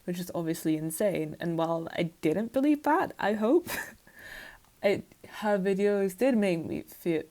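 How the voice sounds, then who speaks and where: A woman's voice: lowish voice, lively intonation, unhurried, mellow. Woman vlogger, casual rambling monologue, self-mocking, plenty of fillers.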